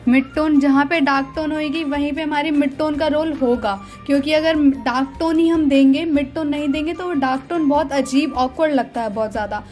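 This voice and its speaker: High-voiced woman teaching shading. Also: brisk, hardly any pauses, darkish tone, soft background music. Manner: explains step by step with repeated "dekhiye" and "theek hai". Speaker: art teacher. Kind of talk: drawing lesson narration.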